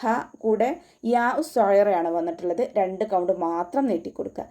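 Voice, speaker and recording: A woman's voice: mid-range voice, dark tone. A woman teaching an online recitation class, patiently explaining each sound step by step. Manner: patient step-by-step instruction with slow chanted recitation.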